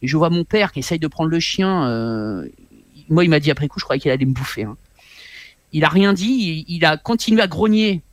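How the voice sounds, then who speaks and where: A man in his forties, a guest author, telling a personal story in an interview in an animated, halting way, often repeating his words. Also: a little high, no room sound.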